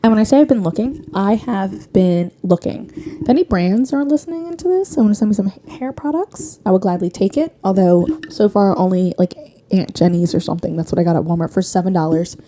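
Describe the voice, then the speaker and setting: A woman's voice: medium pitch, quick pace, slight background noise. A young woman hosting a podcast, chatting casually and telling stories with slang, recorded in an office studio. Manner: chatty, animated storytelling with slang. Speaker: podcast host.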